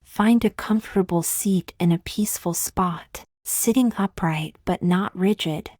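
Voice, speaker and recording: A woman guides listeners through a meditation in a slightly low voice, her phrasing gentle, slow and measured with long gaps between directions. The mic is close, the sound dry, and there's no room sound.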